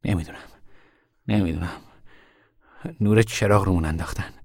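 A man's voice: creaky, a little mellow, no echo, studio quality. An actor playing a weary young man on the run who talks in a tired, grim way. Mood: shaken. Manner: tired, grim, low-voiced.

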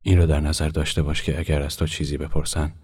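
A man's voice: rumbling low, little pitch movement, darkish tone, husky. A man reading the lines of a shy, passionate male painter in a storybook, murmuring them breathily. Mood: tender.

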